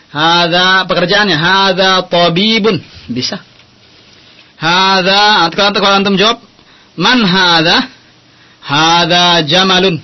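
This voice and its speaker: Man teaching Arabic drills on lo-fi radio. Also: sits high. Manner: patient, drilling phrases and quizzing listeners. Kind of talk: radio Arabic lesson, call-and-repeat drills. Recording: dull lo-fi AM radio audio.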